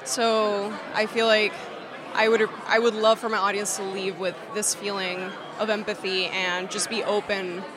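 A woman's voice: medium pitch, flat delivery, unhurried, background noise. Woman director interviewed in a busy crowd. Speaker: film director being interviewed. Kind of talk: casual red carpet interview. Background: crowd chatter.

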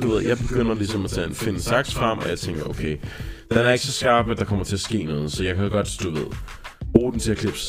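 A young man casually telling a story in a chat, animated and lively, sometimes acting out panicked shouting. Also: on the low side.

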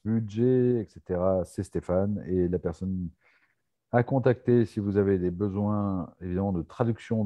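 A man hosting a live online question session, joking with callers and pausing often with fillers. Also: deep voice, muffled recording. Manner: teasing, hesitant with many fillers. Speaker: webinar host.

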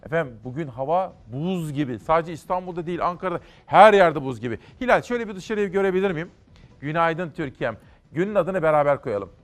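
A man's voice: fairly high pitch, lively intonation, fast talker. A man hosting a morning show, reading newspaper stories aloud and commenting in a conversational, emphatic way.

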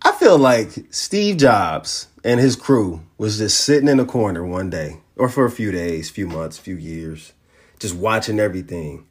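A man's voice: fairly low pitch, measured pace. A man co-hosting a tech podcast, chatting casually and telling stories with slang. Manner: laid-back, animated storytelling with slang. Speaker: podcast co-host. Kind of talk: casual chat.

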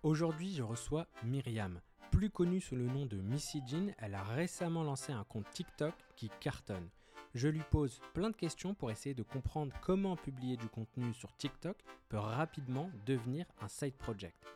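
Male podcast host, mid-pitched voice, hesitant question style with fillers; soft music under the track. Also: lively intonation, moderate pace. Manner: hesitant with frequent fillers when asking questions. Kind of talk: scripted intro then interview questions.

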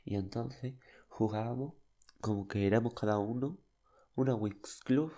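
A young podcast host tells childhood anecdotes in a casual storytelling monologue, chatty, flamboyant and dramatic. His voice is medium-pitched and warm, and his pace is measured.

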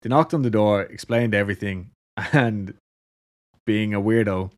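Swearing without restraint and breaking into frequent laughter, an Irish-accented man shares a laid-back story with his fellow podcast host. His voice leans low and moves at a normal speed.

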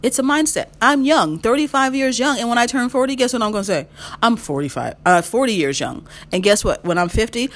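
A woman in her mid-thirties hosts a solo podcast, speaking a little fast as she gives emphatic advice. She repeats her key phrases and swings her pitch whenever she makes a point.

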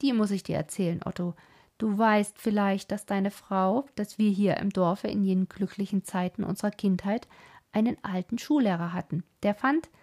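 Eager storytelling uncle, read by a woman, husky and gravelly. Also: mid-range voice, close to an everyday voice. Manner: excited, reminiscing.

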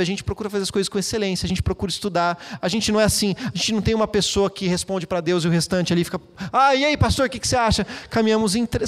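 Lively high-voiced man preaching in a hall. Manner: lively, conversational preaching with playful asides. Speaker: pastor. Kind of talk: sermon. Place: church hall.

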